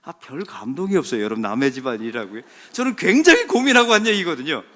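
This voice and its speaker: A middle-aged man, a senior pastor, preaching a sermon in a church sanctuary with emphatic swings from loud calls to hushed asides. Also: on the high side, sing-song, quick pace.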